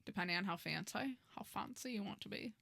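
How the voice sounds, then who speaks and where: A woman's voice: mid-range voice, fast talker, vocal fry, sharp tone, no echo. A woman co-hosting a podcast who talks in an earnest, reflective way, thinking aloud with fillers. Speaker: podcast co-host, embalmer. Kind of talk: casual podcast conversation.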